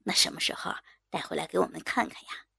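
A woman voicing an easygoing, unsuspecting middle-aged husband in a low, casual voice. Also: fast, creaky, sharp tone, slightly rough, exaggerated voice. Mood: curious.

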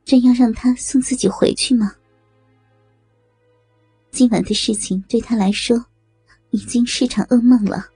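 A woman narrating an erotic audio story in a slow, breathy storytelling manner. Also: fairly high pitch, fairly even intonation, mellow, no room sound, soft background music.

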